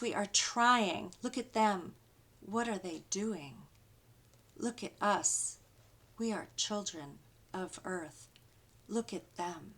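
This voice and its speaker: A woman pastor giving a sermon and reading poetry aloud, in a slow, rhythmic, incantatory delivery built on repeated refrains. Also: medium pitch, fairly bright tone.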